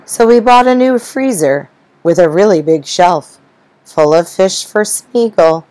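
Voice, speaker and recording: A woman narrating a rhyming children's story, gentle and rhythmic. Her voice sits low and moves at an unhurried pace. The recording is dry and close. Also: lively intonation, dry recording, poor audio. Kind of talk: children's story reading in rhyme.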